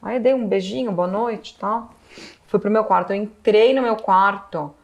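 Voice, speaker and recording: Woman, adult daughter, conversational storytelling, mid pitch, animated quoting, gets tearful. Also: moderate pace, creaky, muffled recording. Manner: animated, acts out quoted dialogue. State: tearful at times. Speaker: daughter sharing family story.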